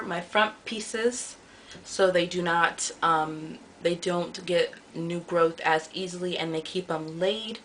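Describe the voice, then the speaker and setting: A woman's voice: fairly low pitch, pushed and bright, poor audio. A young woman from the United States giving a casual, rambling hair review on her vlog, full of ums and self-corrections. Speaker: beauty vlogger. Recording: faint background noise.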